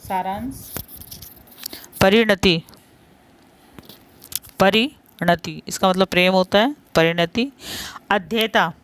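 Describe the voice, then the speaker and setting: A woman's voice: medium pitch, measured pace. Hindi teacher woman, patient and repetitive. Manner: explains patiently, repeats each word, often says "important". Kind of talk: spelling lesson.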